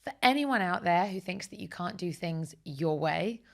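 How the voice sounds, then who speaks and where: Woman being interviewed, bit of fry in her voice, chatty and animated. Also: lowish voice, moderate pace. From Essex, England. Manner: animated, enthusiastic storyteller. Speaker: guest. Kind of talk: casual conversational interview.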